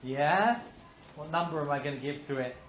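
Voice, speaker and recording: A man's voice: fairly high pitch, normal speed, a little hiss or hum. Upbeat male teacher quizzing a class. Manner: upbeat, asks the class questions and praises answers. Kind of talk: classroom lesson. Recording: dull echoey classroom recording.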